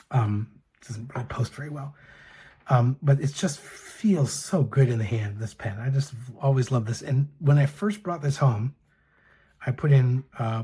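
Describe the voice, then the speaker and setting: A middle-aged man casually reviewing fountain pens and inks, talking in a soft, hesitant way with many fillers and restarts. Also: medium pitch, breathy edge. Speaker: pen and ink reviewer. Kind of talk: casual show-and-tell review.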